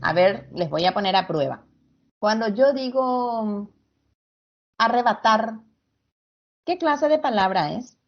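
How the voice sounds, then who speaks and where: A woman teacher giving an online lesson, patient and slow, quizzing her students as she explains. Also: mid-range voice, lively intonation. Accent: Ecuadorian Spanish. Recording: lo-fi video call audio.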